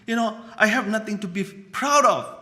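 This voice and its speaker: A man's voice: high-pitched, moderate pace, sharp tone. A man from Burma, preaching a conversational sermon that he keeps checking in on with "you know" and "right?".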